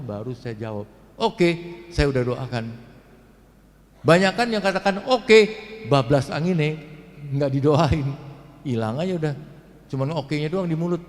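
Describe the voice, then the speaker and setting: Animated man preaching in an echoing hall. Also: mid-range voice. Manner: animated storytelling, acting out quotes and sounds. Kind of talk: sermon with personal testimony. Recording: long hall reverb.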